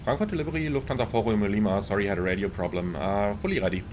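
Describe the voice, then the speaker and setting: A man, an airline pilot, making crisp clipped cockpit radio calls and reading checklist callouts. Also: on the low side, very fast, noisy background.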